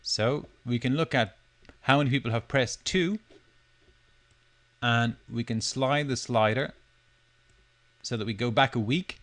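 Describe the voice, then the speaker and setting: A man with a mid-pitched voice narrates a screencast tutorial, explaining each step as he goes. He speaks informally, like a presenter demonstrating software without a tight script, at a measured pace with long pauses.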